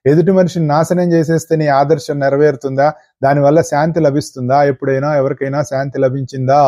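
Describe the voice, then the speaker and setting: A spiritual teacher giving a discourse in an earnest, repetitive way, with rhetorical questions. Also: male voice, fairly high pitch, dark tone.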